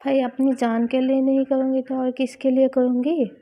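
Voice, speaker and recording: A woman's voice: sits high, little pitch movement, moderate pace, mellow. Woman voicing a teasing young college girlfriend. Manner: teasing, coaxing. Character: playful affectionate young college woman in love. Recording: slightly dull lo-fi recording.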